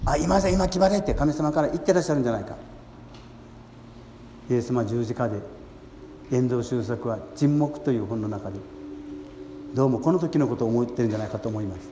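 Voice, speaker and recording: Earnest priest in an echoey church. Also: male voice, medium pitch, background noise. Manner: gentle, earnest preaching with long pauses. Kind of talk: sermon at Mass. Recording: echoey church hall with faint ambience.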